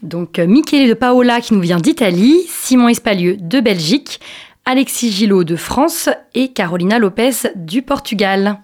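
A woman hosting interviews, introducing guests and asking brisk, friendly questions. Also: medium pitch, animated, a little mellow.

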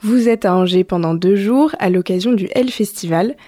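On her community radio show, a woman with a mid-range voice first reflects calmly and deliberately on what she has lived through. She then moves on to questioning a studio guest.

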